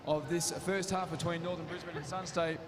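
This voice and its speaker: Higher-pitched male derby commentator, echoey hall. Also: level tone, noisy background. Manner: brisk play-by-play, drops quiet and slow for injury stoppage. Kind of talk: live sports commentary. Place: roller derby arena. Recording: echoey sports hall, loud crowd ambience.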